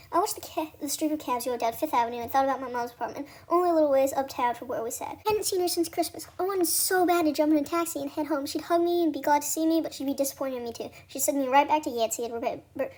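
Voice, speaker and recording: Female audiobook narrator, mellow tone, casual unpolished first-person reading. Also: sits high. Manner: unpolished reading with stumbles and restarts.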